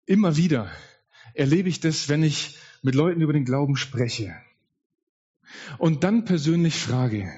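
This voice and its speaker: A man's voice: on the high side, expressive, unhurried, long pauses, mellow, breathy edge, dull audio. A man preaching an earnest, heartfelt Easter sermon in a church, telling his own story with quoted dialogue. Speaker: pastor.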